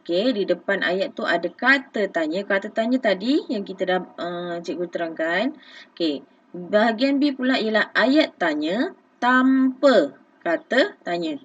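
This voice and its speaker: A woman's voice: medium pitch, expressive, a little slow, dry recording, far from the mic, muffled recording. A Malaysian woman teacher explaining grammar patiently, with many okays, in a recorded lesson. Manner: patient, calls herself cikgu, many okays. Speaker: schoolteacher.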